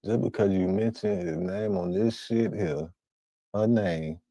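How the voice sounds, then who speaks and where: A man's voice: lowish voice, wildly swooping pitch, a little slow, creaky, dark tone, no echo. A man hosting a reaction stream, speaking in blunt, repetitive slang. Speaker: stream host reacting to clips. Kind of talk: casual reaction commentary.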